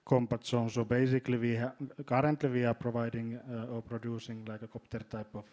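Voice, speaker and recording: A man from Finland with a Finnish accent, speaking as a panelist in a hesitant way, often repeating words and filling pauses. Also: mid-range voice, level tone, dark tone. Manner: halting, repeats words, many fillers. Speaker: panelist, drone company executive. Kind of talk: panel discussion.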